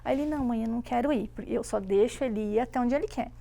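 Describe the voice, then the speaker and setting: A woman in her thirties, chatting casually as a mother and telling stories with lively quoted voices. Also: fairly high pitch, rapid-fire, gravelly. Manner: animated storytelling with voiced quotes. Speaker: guest mother. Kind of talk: casual chat.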